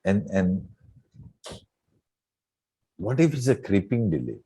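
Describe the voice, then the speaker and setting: A man in his sixties from Singapore, a retired coach reflecting in an interview with many soft fillers. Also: low-pitched, big pitch swings, slow, slightly rough. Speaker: guest coach. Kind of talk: relaxed interview conversation.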